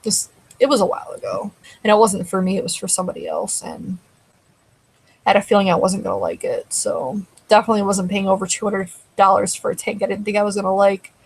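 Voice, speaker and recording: This live stream host talks quickly in a creaky, slightly rough mid-range voice, captured on a rough recording. She rambles casually, answers comments from chat, and her throat is getting dry.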